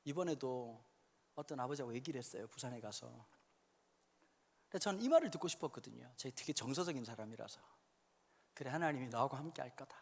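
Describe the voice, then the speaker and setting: A man in his fifties preaching a sermon in a church hall, joking and suddenly shouting when he acts out quotes. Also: mid-range voice, expressive, fast talker, creaky, long pauses. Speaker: pastor. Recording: echoey hall sound.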